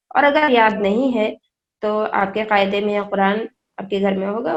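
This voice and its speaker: A woman teaching an online class on reading the Quran, spelling out the words letter by letter and answering her own questions. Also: a little high. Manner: asks questions and answers them herself. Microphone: online call microphone. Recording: dull lo-fi video call audio.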